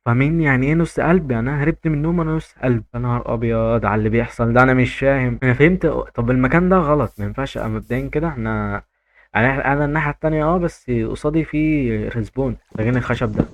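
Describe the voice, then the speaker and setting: A young gaming YouTuber with an Egyptian Arabic accent talks rapid-fire in a medium-pitched voice. Playing a survival game, he gives casual commentary to his viewers and repeats himself as he goes.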